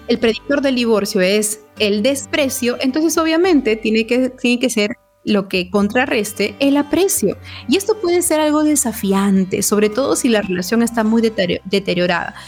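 Woman, psychologist, relationship advice talk, fairly high voice, checks in with questions, faint music behind. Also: measured pace. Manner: warm explanatory, frequent check-in questions.

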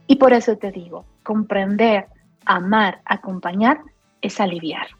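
A woman's voice: mid-range voice, unhurried, husky, no echo, highs cut off, faint music behind. A woman psychologist explaining parenting on a radio show, acting out what a parent might say. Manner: explanatory, acts out parent's lines. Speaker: psychologist guest. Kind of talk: radio interview advice.

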